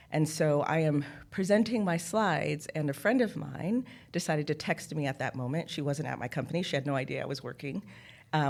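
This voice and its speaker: This American woman from San Jose, California, is a corporate executive appearing as an interview guest. Her voice is deep and darkish as she casually tells personal stories and acts out bits of dialogue.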